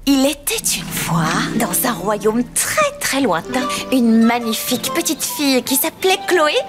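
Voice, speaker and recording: Proud teen big sis, sitcom dub, high lively voice, music behind her. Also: measured pace. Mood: storytelling. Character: teenage big sister, bubbly, proud, jealous storyteller. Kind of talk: dubbed TV sitcom acting.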